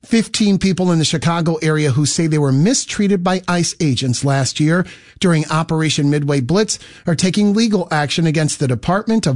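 A man's voice: fairly high pitch, no echo, clean studio sound. Man anchoring a radio newscast. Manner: measured, even newsreader delivery. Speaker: news anchor.

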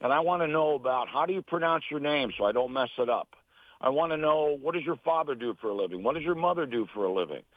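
A middle-aged or older American man, a sports announcer who teaches broadcasting, speaks earnestly and emphatically as an interview guest, repeating phrases for stress. His slightly high voice is expressive and fast, with no echo, over a tinny phone line.

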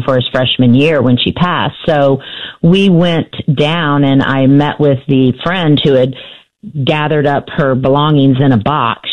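A middle-aged woman, an author and radio guest, telling her family story hesitantly with many fillers and restarts, heard through a dull lo-fi AM radio sound. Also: sits low. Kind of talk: radio interview, personal storytelling.

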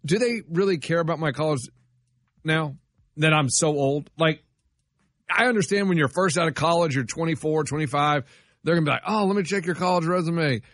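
A man's voice: a little high, fairly quick, a bit bright, no echo. A man in his forties chatting casually on a radio show, easygoing and explaining himself. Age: 40s.

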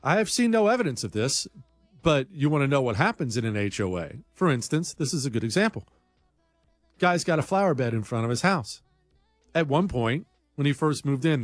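A man's voice: mid-range voice, lively intonation, a little fast, dry recording, soft background music. A man hosting a talk show, delivering a blunt, combative monologue full of rambling asides. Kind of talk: opinionated radio-style monologue.

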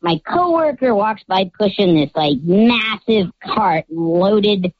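Anonymous male caller, voice run through a pitch-shifting changer, cheery casual storyteller, muffled lo-fi line. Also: animated, slow, no room sound. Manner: cheery, chatty, lots of "like" asides. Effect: pitch-shifting voice changer disguising his voice. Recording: muffled lo-fi call audio.

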